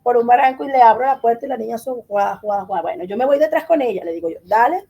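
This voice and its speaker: Middle-aged woman, interview guest; animated storyteller, higher voice, breathy and soft-toned. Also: fast. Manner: animated, acts out quoted dialogue.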